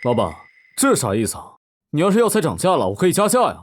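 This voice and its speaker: An actor playing a calm, self-assured young village doctor hero. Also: male voice, on the high side, fast, noisy background.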